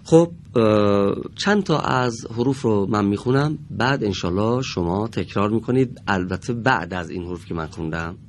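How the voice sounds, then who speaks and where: In a studio broadcast lesson, a man teaches Quran recitation, speaking slowly and patiently as he models each sound for students to repeat. His voice is on the low side and animated, with slight background noise.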